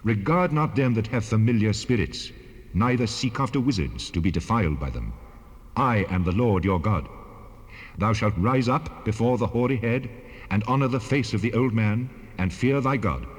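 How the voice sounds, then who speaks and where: An actor playing God as a solemn, commanding deity, handing down laws in a stately, declamatory dramatized scripture reading. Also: male voice, lowish voice, breathy edge. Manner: solemn, stately, authoritative pronouncements. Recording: 1970s cassette rip, long reverb.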